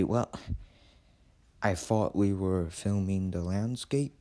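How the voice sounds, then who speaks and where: Male narrator for a spoof wildlife film: low, mellow, casually deadpan and mocking, in no hurry. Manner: deadpan, casual, sweary mockery. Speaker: narrator of a parody nature documentary. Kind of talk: ad-libbed comic nature documentary commentary.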